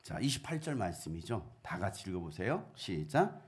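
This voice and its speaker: A man's voice: deep voice, moderate pace. A middle-aged man preaching a sermon as pastor, asking the congregation questions and acting out the voices in the story. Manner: animated, acts out quoted voices, asks the congregation questions.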